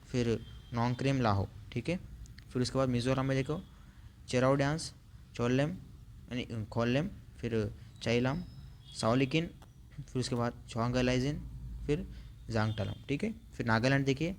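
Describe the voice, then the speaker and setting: A man teaching an online class, running through long lists and slowing down to sound out hard names. His voice sits at an ordinary middle pitch, and a faint hiss sits under it. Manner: reads out lists, adds frequent "theek hai" fillers; slows down to spell out hard names.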